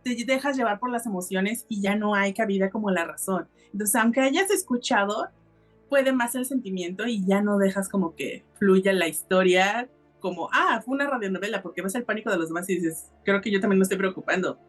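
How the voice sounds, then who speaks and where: A podcast host with a Mexican accent tells a story in a casual, colloquial, explanatory way. Her mid-range voice moves briskly over soft background music.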